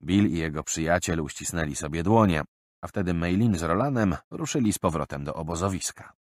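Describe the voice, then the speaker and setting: Lively man narrating an audiobook. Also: deep voice, brisk, no room sound, clean studio sound. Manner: animated, expressive reading.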